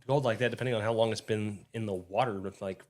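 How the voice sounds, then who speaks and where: A man's voice: fairly low pitch, fairly even intonation, quick pace. A man co-hosting a casual podcast, dropping dry, teasing remarks. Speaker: podcast co-host. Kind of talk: casual chat.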